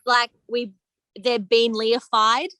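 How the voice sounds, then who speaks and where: A woman's voice: a little high, little pitch movement, takes it slowly, sharp tone. A woman chatting playfully as a band member in a casual interview. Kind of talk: casual chat.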